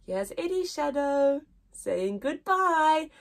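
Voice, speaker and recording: This story-time teacher reads to young kids slowly, her breathy voice sitting high. Everything comes out sing-song and expressive, with exaggerated wonder throughout.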